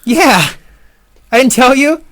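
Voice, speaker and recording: A man with a notably high voice tells a story on a casual podcast. He talks excitedly and rambles, with plenty of fillers and restarts along the way. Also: takes it slowly, dry recording, studio quality. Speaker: podcast co-host.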